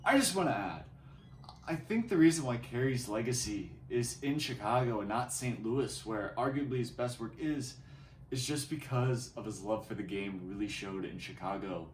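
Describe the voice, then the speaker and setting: A man's voice: mid-range voice, animated, normal speed, slight background noise. A male host giving scripted narration. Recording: echoey room, distant mic.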